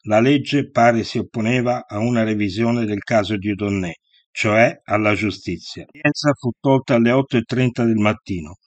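A man narrating a historical account in a steady, measured storytelling manner. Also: fairly low pitch, no echo.

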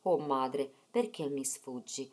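A woman's voice: extremely low pitch, slow pace, a little mellow, full character voice. A woman reading the part of a grieving male hero who pleads sorrowfully with his dead mother.

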